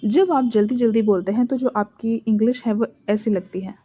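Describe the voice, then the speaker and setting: An Indian-accented woman leads a spoken English lesson, explaining in Hindi and slowing right down to read each English example sentence. Her voice sits a little high, with a warm, mellow tone. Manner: slow, deliberate reading of English example sentences. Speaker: English teacher.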